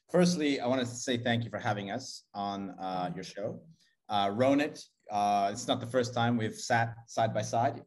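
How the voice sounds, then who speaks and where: A man's voice: fairly low pitch, darkish tone. A man from Mauritius answering interview questions in a businesslike way, with frequent "uh" fillers. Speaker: guest, co-founder.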